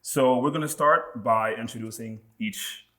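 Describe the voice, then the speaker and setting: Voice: mid-range voice, measured pace, pushed and bright. The host of a round-table talk, introducing guests and asking questions in a loose, hesitant way. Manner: loose, hesitant, lots of fillers. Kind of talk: hosting a panel talk.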